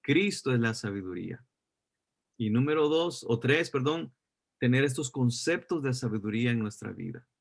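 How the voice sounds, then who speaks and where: A man's voice: medium pitch, animated, moderate pace, vocal fry. A pastor teaching a sermon in a mid-range voice. He repeats his key points and keeps asking his listeners questions. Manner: repeats key phrases, asks the audience questions.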